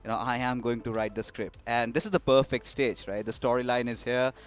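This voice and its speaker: A man with an Indian English accent, a guest analyst who talks excitably and hesitantly, with many fillers. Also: mid-range voice, fairly quick, faint music behind. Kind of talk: esports analyst desk commentary.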